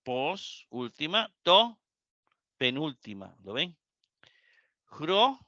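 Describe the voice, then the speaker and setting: Slow, bright-voiced man teaching Greek. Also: a little high, big pitch swings, no echo, highs cut off. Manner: slow, syllable-by-syllable explanation with frequent "¿verdad?". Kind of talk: live online class.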